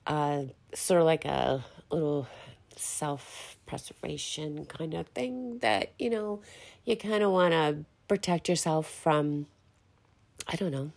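A middle-aged woman with a low, gravelly voice hosts her own podcast, rambling casually and poking fun at herself. She sounds a little congested, still getting over a recent illness.

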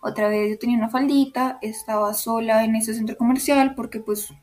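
Young woman, Bogotá Colombian accent, podcast host, candid and emotional, slightly high voice. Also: fairly even intonation, fairly quick, darkish tone. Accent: Colombian, Bogotá area. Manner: emotional, candid, full of fillers like "como" and "o sea". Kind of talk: casual personal storytelling.

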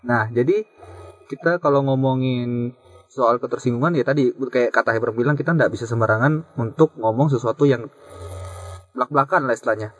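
A man's voice: mid-range voice, moderate pace, dull audio, soft background music. A man hosting a casual podcast chat, musing aloud and explaining his thoughts with small restarts. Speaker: podcast host.

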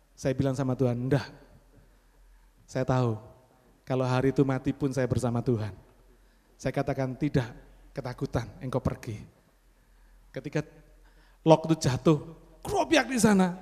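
A man preaching a sermon, telling a story with dramatic bursts and constantly addressing the congregation. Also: medium pitch. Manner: dramatic storytelling with sudden loud exclamations. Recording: long hall reverb.

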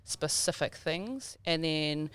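A woman's voice: low voice, expressive, slow, a bit bright, clean tone. A woman in her thirties with a South Auckland Māori New Zealand accent, chatting informally as a podcast guest and mixing te reo Māori words into English. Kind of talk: casual interview chat.

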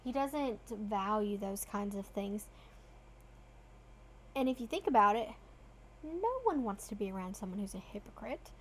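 A woman's voice: medium pitch, animated. A woman co-hosting a casual faith discussion in an earnest, teaching tone. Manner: earnest, teaching tone with quick asides. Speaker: co-host.

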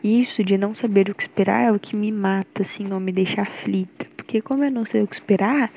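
Young Brazilian woman, mellow tone, rambling and nervous personal message. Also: medium pitch, fairly even intonation, fast, gravelly, rough recording. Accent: Brazilian Portuguese. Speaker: girlfriend recording a voice message.

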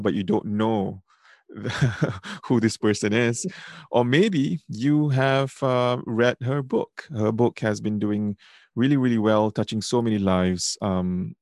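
A man's voice: fairly low pitch, a little mellow, dry recording, clean studio sound. A man from Singapore with a Singaporean accent, hosting a conversational podcast. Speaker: podcast host.

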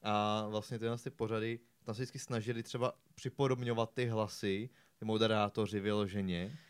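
A man's voice: lowish voice, steady tone, clean tone. A man hosting a talk show, asking his guest questions in a coaxing way. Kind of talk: casual chat.

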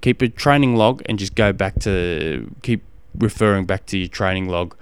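Deep and clean, this Australian man's voice is captured in a dry recording. As a podcast host, he offers casual coaching advice, halting as he explains and often repeating phrases.

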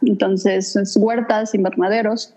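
A woman from Mexico City speaks in a relaxed, unscripted chat with a Mexico City accent. She talks thoughtfully and searches for her words, filling pauses with hesitant little sounds. Her pitch sits in the middle of a woman's range. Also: muffled recording, soft background music. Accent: Mexico City Spanish. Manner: thoughtful, hesitant, many fillers. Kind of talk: casual conversation.

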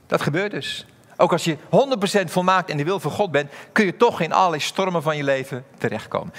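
A man's voice: fairly high pitch, vocal fry, fairly bright tone, long reverb tail. A man preaching a sermon, emphatic, with sudden rises and drops in his voice, addressing the congregation directly. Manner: addresses the congregation directly, asks rhetorical questions. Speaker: pastor.

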